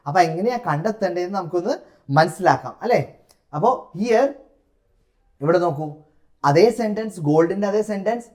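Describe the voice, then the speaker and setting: A man with a Malayali accent, coaching students through an English exam task. He explains each step in a steady classroom style, then slows right down to read example sentences aloud, leaning on the key words. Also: fairly high pitch.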